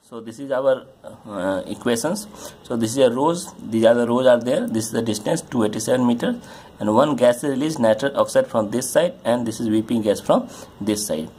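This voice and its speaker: Male chemistry tutor, halting delivery full of fillers, average pitch, light background hiss. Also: a little mellow. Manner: halting, many uh fillers, pointing at a diagram. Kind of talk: explaining a solved problem on a board.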